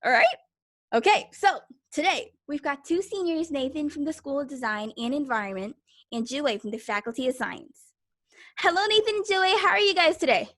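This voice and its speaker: Young woman, high voice, upbeat host, chatty, video call audio. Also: animated, fairly quick, fairly bright tone. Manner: upbeat, chatty, addresses audience directly. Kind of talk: live online show hosting. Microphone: video call mic.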